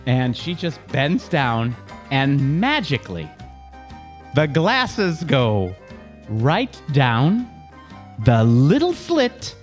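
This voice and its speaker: A middle-aged man hosting a relaxed podcast conversation. He talks slowly, with a lively, swinging pitch, and laughs easily as he tells a story. Faint music plays behind him. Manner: laughing, loose storytelling with restarts. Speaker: podcast host. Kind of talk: casual chat.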